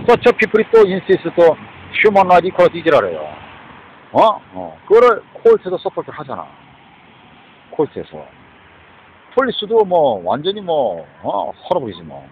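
Man, rambling monologue, very lively pitch, English words mixed in, faint background noise. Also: dull audio. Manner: rambling, mixes English words into his talk, keeps interjecting short questioning grunts. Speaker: vlogger.

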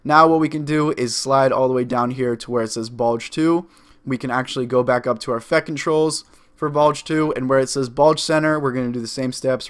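A young man talks through an editing tutorial at his desk, upbeat and instructive. He walks through each click step by step in a plain, middle-pitched voice, recorded on a desk microphone in a small room. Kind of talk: screen-recorded software tutorial.

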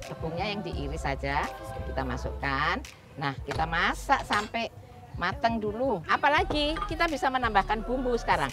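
A woman demonstrates a recipe on an open-air street stage, her pitch lively and swinging as she explains each step and calls out to the audience. Music plays steadily underneath her voice. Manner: chatty, instructive, keeps addressing the audience as "Bu". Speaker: cooking show host. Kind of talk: outdoor cooking demonstration. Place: outdoor street cooking stage. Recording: music playing behind.

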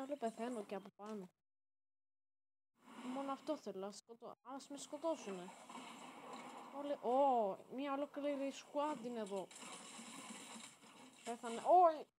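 A woman commenting casually on her own game as she plays, excitable and prone to sudden shouted exclamations. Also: high-pitched, long pauses, background noise. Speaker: gaming channel host.

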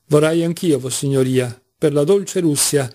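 A man's voice: fairly high pitch, normal speed, mellow, lightly acted. A man voicing a fawning older hanger-on who titters as he speaks. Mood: simpering. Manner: tittering, ingratiating.

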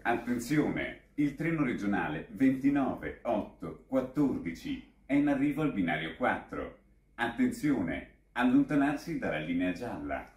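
A man imitating a male train station loudspeaker announcer with a measured, formal announcing cadence. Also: medium pitch, big pitch swings, echoey room.

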